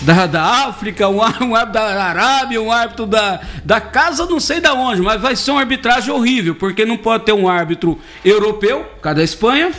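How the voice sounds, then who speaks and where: High-voiced joking Brazilian sports commentator. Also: male voice, brisk, hardly any pauses, faint music behind. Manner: joking, animated, teasing co-hosts. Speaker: sports commentator on a radio show. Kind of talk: casual sports talk.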